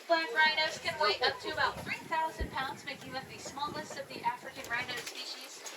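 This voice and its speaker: Distant high-voiced woman over loud vehicle noise. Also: steady tone, fairly quick. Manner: informative, addresses riders directly. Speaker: safari tour guide. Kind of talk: live guided tour commentary. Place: open safari truck outdoors. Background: crowd, rumbling vehicle, outdoor ambience.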